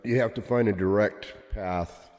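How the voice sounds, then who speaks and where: Deep-voiced older man with cave echo. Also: steady tone, measured pace, a little mellow. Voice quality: cave-like reverb on the voice. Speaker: podcast co-host. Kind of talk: casual anecdotal chat. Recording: long cave-like reverb.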